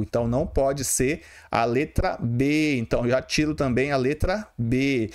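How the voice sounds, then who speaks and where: A man with a Brazilian Portuguese accent teaching students, talking to them directly and answering his own questions while sounding out words syllable by syllable. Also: fairly high pitch. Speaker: Portuguese teacher for exam prep. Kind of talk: explaining exam questions.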